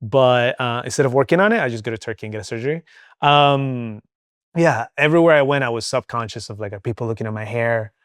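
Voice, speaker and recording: A young man from Venezuela speaks as an interview guest, open and chatty, leaning on fillers as he goes. His voice is smooth and clear, sits at an ordinary pitch, and is recorded close and dry. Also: fast, fairly bright tone, no echo. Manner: candid, chatty, many fillers like "um" and "like". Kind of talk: casual interview talk.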